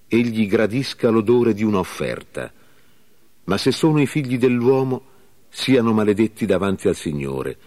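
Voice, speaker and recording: A man's voice: deep voice, a little mellow, voice pushed up. A man reading the part of an earnest young warrior, declaiming in a solemn way.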